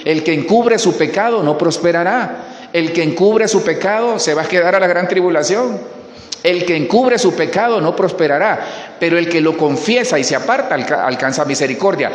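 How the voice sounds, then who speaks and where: A man's voice: on the high side, lively intonation, normal speed. A man preaching a sermon as pastor, repeating words for emphasis and calling out to the congregation. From Colombia. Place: church hall. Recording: echoey hall.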